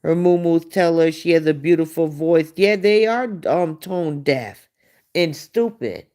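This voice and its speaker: Woman, livestream gossip host, blunt and profane, low-pitched, mellow tone. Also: unhurried. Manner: talks back to viewers. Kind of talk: casual gossip commentary.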